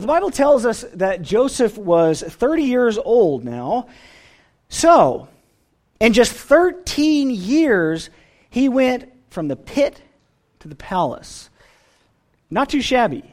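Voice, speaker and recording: Animated preacher with lively pitch. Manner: expressive, trailing off softly at phrase ends. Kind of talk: sermon.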